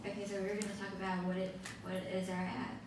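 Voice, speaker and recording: A teenage girl from Taiwan, whose first language is Mandarin, presents a student pitch in English in an even, flat tone. She speaks from a lectern into a handheld mic. The sound is far off and echoey, with a clear background hum. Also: fast. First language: Mandarin Chinese. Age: teens. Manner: level, careful delivery, light fillers. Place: conference hall, indoors. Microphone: handheld mic at a lectern, filmed by a far phone camera.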